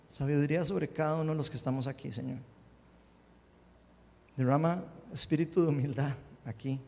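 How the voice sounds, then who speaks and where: A man preaching a sermon, praying aloud and reading scripture, with impassioned swings between loud lifted phrases and soft low prayer. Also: steady tone, moderate pace, creaky. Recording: long hall reverb.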